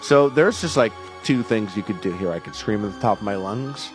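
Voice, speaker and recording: A man's voice: lowish voice, lively intonation, fairly quick, faint music behind. A young man telling a story in a casual, rambling way, full of "like" fillers. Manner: loose, rambling, many "like" fillers. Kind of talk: casual spoken anecdote.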